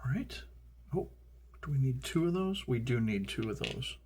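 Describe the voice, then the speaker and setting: A man's voice: medium pitch, lively intonation, moderate pace, a little mellow, slight background noise. A middle-aged man from Chicago hosting a casual building video, rambling and stumbling over words with folksy asides. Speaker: host.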